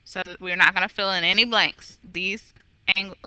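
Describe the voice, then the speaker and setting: A woman's voice: mid-range voice, steady tone, moderate pace, pushed and bright, dry recording, rough recording. A woman teaching a recorded geometry lesson, walking through problems patiently and correcting herself aloud. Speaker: math teacher.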